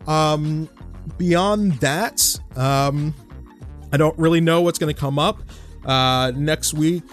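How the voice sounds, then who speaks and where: A man's voice: fairly high pitch, slow, faint music behind. Chatty man hosting a solo podcast. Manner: loose and chatty, many fillers and restarts. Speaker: podcast host. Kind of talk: casual solo podcast talk.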